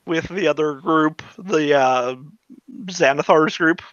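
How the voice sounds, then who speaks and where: A man's voice: fairly high pitch, slow, fairly bright tone, no echo, lo-fi sound. A man casually narrating a tabletop game and making rulings as game master.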